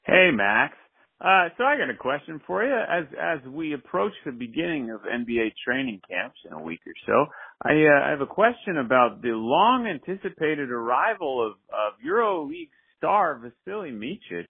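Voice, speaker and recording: A man's voice: on the high side, big pitch swings, moderate pace, creaky, breathy edge, no echo. A man calling in and leaving a voicemail played over a phone line. He talks easily, with small stumbles and restarts. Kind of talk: casual recorded question. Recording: tinny dry phone voicemail.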